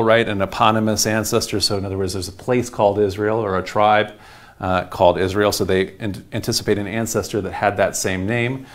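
A man giving a casual history lecture, rambling with many fillers and restarts. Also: on the low side.

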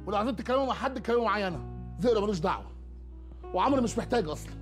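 A man's voice: sits high, expressive, racing, faint music behind. An actor playing a sly young man with an Egyptian accent, who stammers through defensive excuses to his mother in a film comedy scene. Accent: Egyptian Arabic. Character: young man, sly talker caught lying. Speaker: son caught at a bank.

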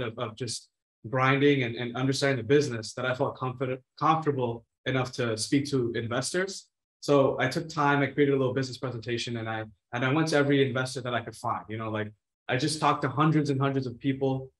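A twenty-one-year-old man speaking as a guest on a video call interview, talking casually with many restarts and "you know"s. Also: mid-range voice. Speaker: guest, real estate investor. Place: home room, plain wall. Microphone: video call webcam. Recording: roomy echo.

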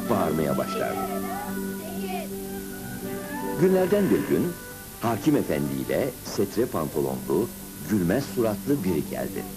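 An actor with a deep voice narrates a cartoon as a grown man remembering his boyhood school days, using an expressive, scripted, heavily acted storybook style. The audio quality is poor.

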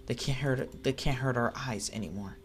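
A man giving excitable let's play commentary, chattering at the creatures on screen as he plays. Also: medium pitch, moderate pace, soft background music. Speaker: gaming channel host.

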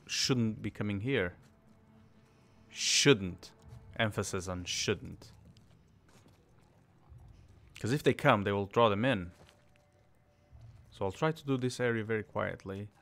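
A man's voice: lowish voice, unhurried, gravelly, pauses often. A young man streaming a video game, muttering a play-by-play and swearing in bursts. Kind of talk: gaming commentary.

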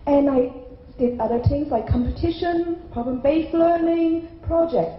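With a high voice and a measured pace, a middle-aged woman from an Irish upbringing delivers a conversational conference keynote on a handheld mic, checking in often with "okay?". The setting is a large hotel conference hall, and the recording is roomy, slightly dull, with a bit of background noise.

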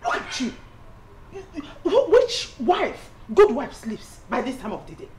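A woman's voice: high-pitched, wildly swooping pitch, unhurried, a little mellow, slight background noise, exaggerated voice. A woman with a Nigerian accent playing a middle-aged mother-in-law who scolds hard with jabbing "Eh?"s yet is torn, in a film. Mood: scolding. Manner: scolding, repeats "Eh?" as a jab. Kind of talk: Nollywood film acting.

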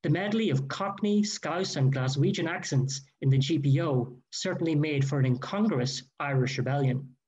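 A man giving a formal, measured history lecture read from a prepared text. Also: a little high, darkish tone. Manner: measured, careful delivery with quoted sources. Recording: dull lo-fi recording.

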